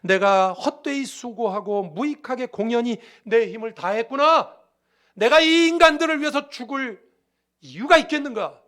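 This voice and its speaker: A pastor acting out Jesus in a loud, strained, pleading lament. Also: male voice, very high voice, lively intonation, normal speed, pitched above the performer's own voice. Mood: anguished lament. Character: anguished Jesus lamenting as a grown man.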